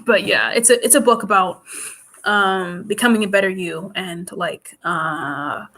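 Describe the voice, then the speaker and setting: A woman's voice: mid-range voice, measured pace, pushed and bright. A young adult woman chatting casually to viewers in a rambling, giggly way, close to a computer mic at home. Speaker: vlogger.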